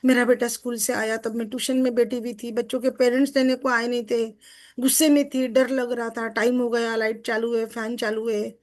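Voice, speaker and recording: Woman, middle-aged, success coach, guided self-forgiveness exercise, earnest, emotional, slightly high pitch, video call. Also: a little mellow. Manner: earnest, emotional, addresses herself by name.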